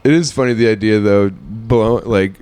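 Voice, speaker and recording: A man's voice: on the low side, moderate pace, darkish tone, clear, resonant tone, no room sound. A young man co-hosting a comedy podcast in casual chat, crude and joking, laughing often. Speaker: podcast co-host.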